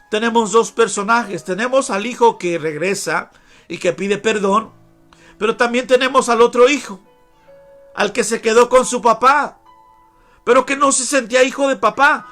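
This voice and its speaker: A man's voice: very high voice, pushed and bright. A man preaching a sermon in an earnest, pastoral way, speaking straight to his listeners as brothers and sisters. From Mexico.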